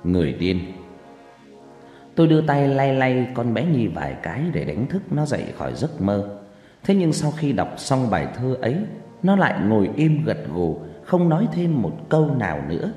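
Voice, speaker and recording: A male storyteller reads a horror tale with a lively, swinging delivery. His pitch rises and falls widely through every line. His voice rings with long reverb, and faint music plays beneath it. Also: moderate pace. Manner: expressive, with wide pitch swings. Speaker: audiobook narrator. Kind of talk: dramatic horror story narration.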